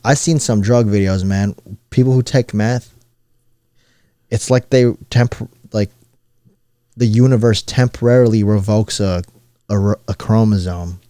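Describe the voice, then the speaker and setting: Young man, low voice, mellow tone, dry close mic, joking casual podcast chat. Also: unhurried, pauses often, no room sound. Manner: joking, rambling questions. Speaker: podcast co-host.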